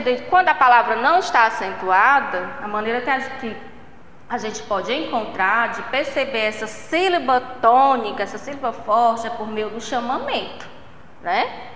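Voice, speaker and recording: A Brazilian woman teacher gives a recorded lesson for young children, slow and patient, stretching out syllables and checking in often. Her voice is slightly high and bright. It rings in an echoey room with a long reverb tail. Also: slight background noise. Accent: Brazilian Portuguese. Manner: slow, patient, drawing out syllables and asking "né?" and "certo?". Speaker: primary school teacher.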